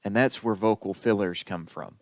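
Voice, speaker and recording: A man with a very low voice lectures on public speaking in a steady, explanatory way. The recording is dry and close, with no room sound. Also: dry recording. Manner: explanatory, unhurried, with occasional fillers. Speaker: instructor.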